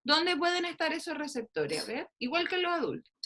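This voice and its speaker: A woman's voice: high-pitched, big pitch swings, brisk, sharp tone. A woman teaching an online dentistry class, coaxing students to answer questions with frequent fillers over a video call. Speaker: dentistry lecturer.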